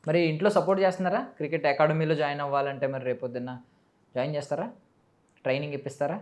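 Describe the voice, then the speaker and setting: A woman hosting a casual chat interview with a young guest. Her voice sits low for a woman, and she fires off her questions rapidly. She teases him playfully and slips English words into her talk. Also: fairly even intonation, a little mellow.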